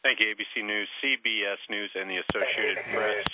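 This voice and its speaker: Low-voiced guy on a hissy space radio link, talks quick and clipped, bright edge to it. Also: fairly even intonation. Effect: crackly space-to-ground radio link. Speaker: mission control communicator. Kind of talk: brisk radio call-out. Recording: hissy, muffled radio relay from far off.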